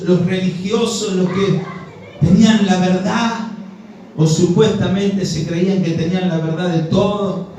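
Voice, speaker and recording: A man's voice: sits high, warm tone. A middle-aged man with a Rioplatense Spanish accent preaching a sermon with passion, acting out Bible dialogue in shifting voices. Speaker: pastor. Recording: very echoey hall, distant mic, faint noise.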